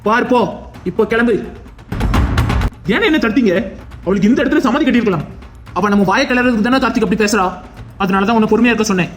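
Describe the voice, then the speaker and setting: A woman voicing a sharp-tongued young woman who scolds and sends away a rival. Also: fairly high pitch, soft background music, close to an everyday voice. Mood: scolding. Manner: rapid, scolding. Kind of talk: cartoon voice acting.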